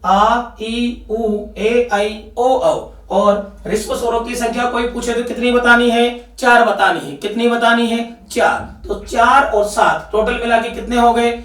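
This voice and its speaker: A very high-voiced man with a Rajasthani Hindi accent teaches a grammar lesson for exam students. He asks questions and answers them himself. His voice echoes in a room and is picked up from a distance. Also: fairly even intonation, takes it slowly, few pauses, fairly bright tone.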